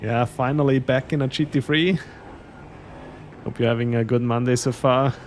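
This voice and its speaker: In casual live-stream chat, an Austrian sim racing streamer talks with viewers and chuckles often; he's a native German speaker with an Austrian German accent. His medium-pitched voice keeps fairly even intonation at a normal speed, with slight background noise.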